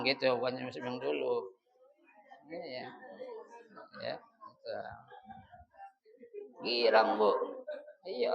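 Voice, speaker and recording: A man giving a casual, lively religious lecture, joking and acting out how spouses call each other. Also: mid-range voice, vocal fry. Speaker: preacher. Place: mosque or prayer hall. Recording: distant mic, dull lo-fi sound.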